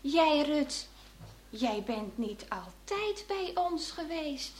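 A woman reading aloud voices a gentle, pious middle-aged father speaking tenderly to his daughter in a children's story. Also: high voice, big pitch swings, drawn-out words, a little hiss or hum, heavily acted.

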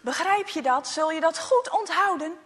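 A woman's voice: very high-pitched, animated, moderate pace, a bit bright, voice pushed up. A woman voicing an earnest, worried father.

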